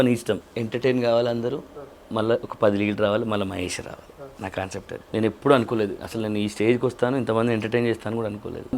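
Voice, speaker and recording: A man in his thirties with a Telangana accent, talking casually in an interview. He tells his stories in a lively way, in everyday colloquial speech, at a medium pitch. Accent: Telangana Telugu. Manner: lively storytelling with colloquial dialect. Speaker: event organizer and mimicry artist.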